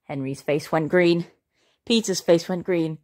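Slow, lower-voiced woman reading a kids' book. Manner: slow, expressive read-aloud. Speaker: storyteller. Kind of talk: reading a children's book aloud.

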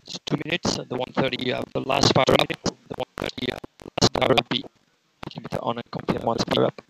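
A man's voice: mid-range voice, fairly even intonation, fast talker, gravelly. A man working as a race engineer, giving methodically repeated instructions over race car onboard team radio with a radio filter. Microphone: radio headset. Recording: race car onboard radio, noisy, clicks, vehicle sound.

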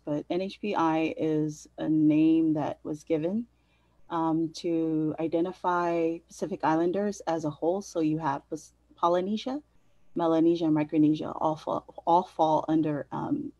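A middle-aged woman from American Samoa and Hawaii, a census partnership specialist, answers interview questions conversationally as a guest. She is indoors on a video call, and the dry, dull lo-fi recording carries her deep, dark-toned voice.

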